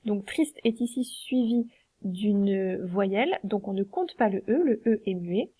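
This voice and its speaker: A woman's voice: mid-range voice, expressive, measured pace, mellow, husky, dry recording. A woman teacher, patiently explaining a poetry exercise step by step, with frequent hesitations. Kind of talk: recorded lesson correcting a versification exercise.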